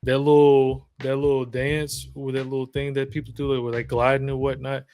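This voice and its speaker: A podcast guest from the American South speaks with a Southern accent in a medium-pitched, darkish voice, a little fast and flat in delivery. In casual conversation he tells stories reflectively and emphatically, often restarting his sentences.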